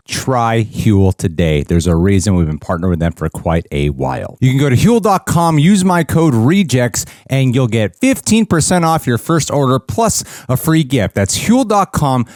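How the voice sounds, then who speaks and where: A man's voice: medium pitch, darkish tone, dry recording. A man hosting a reaction video, talking casually with dry, wry asides. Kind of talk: casual commentary and sponsor read.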